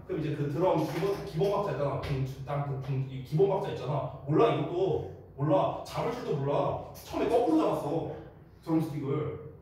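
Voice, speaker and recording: A male teacher is telling a story in the middle of a lesson, and his speaking voice sits a little high. He acts out the people in the story and swings his pitch up and down as he goes. He stands some way from the mic in a very echoey classroom, with faint noise behind him. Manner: lively, acts out quoted voices in a storytelling lecture. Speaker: English teacher. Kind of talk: lecture with storytelling. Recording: roomy echo, from a distance.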